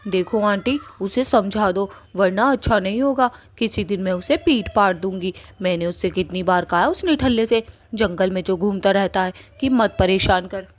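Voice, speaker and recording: A woman voicing a feisty young woman in a cartoon, who is blunt and quick to threaten. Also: mid-range voice, natural voice. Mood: complaining.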